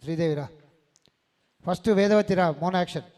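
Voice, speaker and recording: A man hosting a community event, calling people up and hurrying them along. He talks fast in a fairly high voice. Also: darkish tone. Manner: brisk, directive, hurrying participants. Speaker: event organizer and host.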